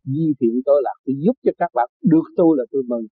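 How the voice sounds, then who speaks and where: A man's voice: a little high, lively intonation, fast, slightly rough, no echo, narrow, tinny audio. An older man from Vietnam giving an informal spiritual talk, telling stories with frequent laughter and acting out the voices of others. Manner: storytelling, laughs often, acts out quoted voices. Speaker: spiritual teacher.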